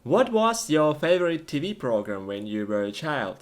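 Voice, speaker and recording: A very animated man with a slightly high voice talks at normal speed as co-host of an English lesson. He chats through questions and answers aimed at learners, keeping his sentences short, simple and plainly worded.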